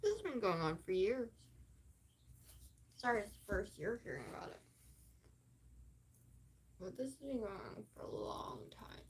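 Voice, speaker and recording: A woman's voice: medium pitch, very animated, measured pace, long pauses, slight background noise. A woman hosting a livestream, talking in a rambling, emphatic monologue full of swearing and fillers. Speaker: livestream host.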